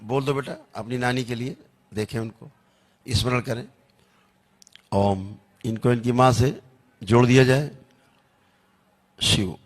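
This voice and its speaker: A man acting as a spiritual healer who leads a public healing session, chanting softly and making wry jokes. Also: mid-range voice, fairly even intonation, moderate pace. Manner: soothing, chanting, wryly joking.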